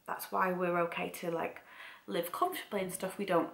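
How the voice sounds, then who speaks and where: A young woman from Manchester, England, vlogs casually in a Mancunian accent with some Scouse, rambling and repeating herself for emphasis. Her voice is lowish, gravelly and a bit bright, with a flat, slightly fast delivery. It's recorded in a roomy, echoey room at home.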